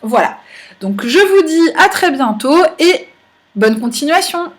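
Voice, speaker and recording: A woman's voice: high voice, big pitch swings, unhurried. A woman teacher giving a recorded German grammar lesson, explaining patiently with small fillers.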